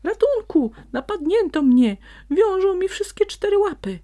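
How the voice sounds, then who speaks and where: A woman's voice: very high-pitched, sing-song, unhurried, mellow, pitched above the performer's own voice, heavily acted. A woman voicing a sly, cowardly male fox who whines and wheedles. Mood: panicked. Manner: wheedling and whining.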